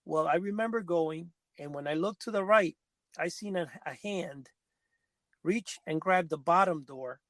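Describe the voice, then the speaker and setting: A man's voice: fairly high pitch, measured pace, a bit bright, no echo. A man from Cuba, co-hosting a podcast, telling a long story in a rambling way and often correcting himself. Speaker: podcast co-host. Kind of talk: casual storytelling chat.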